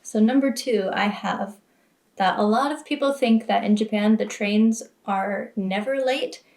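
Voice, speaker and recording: A woman at an ordinary mid pitch, hosting a casual sit-down chat. She talks in a loose, explaining way, full of little fillers. She sounds easygoing and conversational. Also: a little slow, a little mellow. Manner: chatty, explanatory, filler-heavy. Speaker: host.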